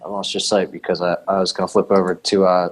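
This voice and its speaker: Give me a relaxed male podcast host. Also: low-pitched, fast. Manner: relaxed, brief affirmations, calls guest "brother". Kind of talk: casual podcast interview.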